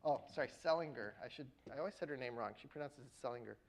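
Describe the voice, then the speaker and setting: A man giving a university lecture in a classroom, his voice pitched in a middle register. He walks through the material step by step and keeps checking in with the students. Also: steady tone, racing, slight background noise, poor audio. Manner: explains step by step, often checks in with "right?" and "okay?". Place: lecture hall.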